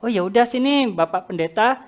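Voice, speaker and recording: A woman's voice: a little high, lively intonation, fairly quick, lightly acted. Woman doing a kindly male pastor.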